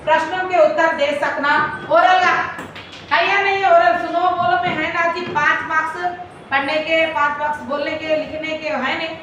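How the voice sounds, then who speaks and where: High bright woman teaching in an echoey room. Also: steady tone, fairly quick, muffled recording, slight background noise. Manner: explains points and quizzes listeners, switching between two languages. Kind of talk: classroom lecture on language teaching. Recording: very echoey room audio, voice from a distance, faint ambience.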